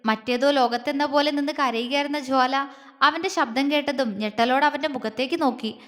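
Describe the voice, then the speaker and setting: A woman narrating an audio love story in an emotive, measured way. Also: sits high, a bit bright, long reverb tail.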